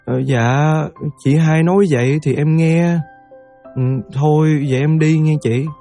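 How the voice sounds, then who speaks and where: A man's voice: fairly high pitch, steady tone, a little slow, mellow, soft background music, natural voice. A man playing a loyal young shoeshine boy. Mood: affectionate. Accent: Southern Vietnamese. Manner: affectionate, chatty, deferential.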